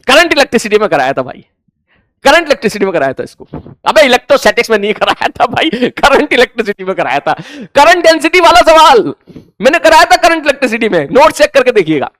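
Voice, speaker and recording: A man's voice: very high voice, big pitch swings, quick pace, a bit bright, no room sound, studio quality. A man teaching a physics class, acting out back-and-forth dialogue with imagined students in a conversational way. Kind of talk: classroom lecture.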